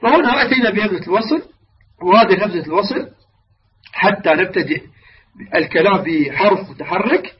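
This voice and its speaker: A man teaching the rules of Quran recitation, stretching example words out slowly and asking his listeners questions he answers himself. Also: high-pitched, expressive. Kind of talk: religious lesson on recitation rules. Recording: distant, dull lo-fi mic with faint noise.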